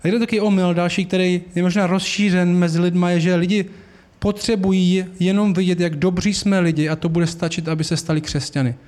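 Male preacher with a high voice, earnest and conversational, posing questions to the congregation. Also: steady tone, darkish tone. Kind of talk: sermon.

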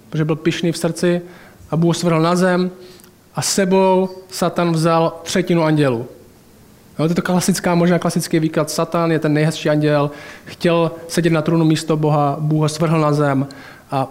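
A man's voice: fairly high pitch, a little mellow. A man preaching a sermon in a colloquial, chatty way, mixing in personal anecdotes and asides.

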